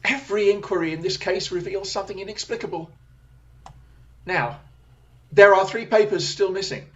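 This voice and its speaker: A man playing Sherlock Holmes in a radio play, a brisk, confident detective who speaks in an incisive, theatrical way. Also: high voice, highs cut off, lightly acted. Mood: probing.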